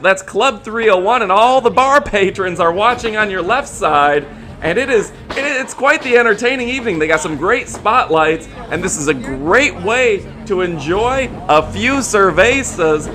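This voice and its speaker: A man commentating on lucha libre wrestling as a hyped, promotional announcer calling the moves play by play. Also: sits high.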